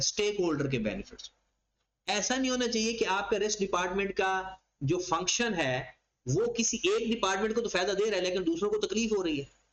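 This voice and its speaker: A man teaches a class, his voice sitting high for a man. He walks through each term by asking the question aloud and then answering it, in an even teaching tone. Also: poor audio. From Pakistan. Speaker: accounting lecturer. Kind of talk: classroom lecture.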